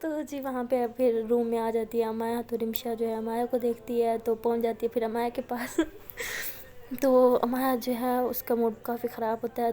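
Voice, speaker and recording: A woman's voice: on the high side, mellow. A woman with an Indian Hindi-Urdu accent, casually retelling a love story and passing on what each character says in chatty indirect speech.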